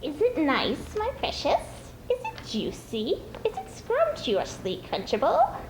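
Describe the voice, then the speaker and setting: A woman voicing Gollum as a greedy, sly cave creature who hisses and whispers in drawn-out, menacing phrases. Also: high-pitched, wildly swooping pitch, pitched above the performer's own voice, full character voice. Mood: gleeful menace. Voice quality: hissing, breathy whispering. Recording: roomy, noisy amateur stage recording.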